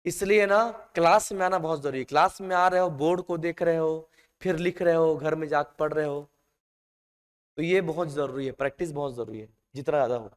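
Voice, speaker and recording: A man's voice: a little high, fairly quick. A man teaching a class in a classroom, stretching out the words he stresses and calling his students "beta". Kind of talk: classroom lecture. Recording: long hall reverb.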